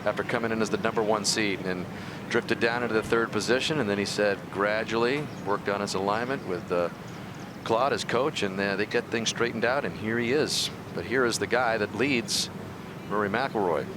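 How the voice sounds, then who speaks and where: Lowish-voiced golf commentator, man. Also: moderate pace. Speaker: golf commentator, lead anchor. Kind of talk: measured live golf tournament commentary. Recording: outdoor broadcast with clear background noise.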